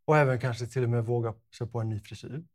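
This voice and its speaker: A man's voice: medium pitch, steady tone. A man co-hosting a podcast, talking in a playful, bantering way. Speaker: podcast co-host. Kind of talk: casual chat.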